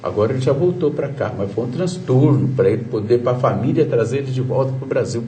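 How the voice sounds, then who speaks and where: A man's voice: medium pitch, a little fast, mellow, far from the mic, a little hiss or hum. A man interviewing a guest with eager, hesitant questions.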